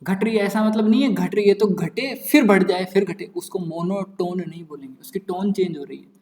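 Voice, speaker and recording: A young man with a fairly high voice teaches maths in a casual, chatty lecture. He repeats key words over and over in a playful way and drops into quiet muttered asides. The room around him sounds echoey. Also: fairly quick. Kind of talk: casual Hindi-English lecture.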